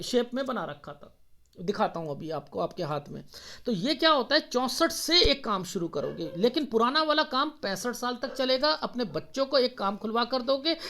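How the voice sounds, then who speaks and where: A man working as a palmist, explaining a paid palm reading step by step. He walks through the ages one by one and keeps checking in with a quick "okay". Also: extremely high pitch, fairly bright tone.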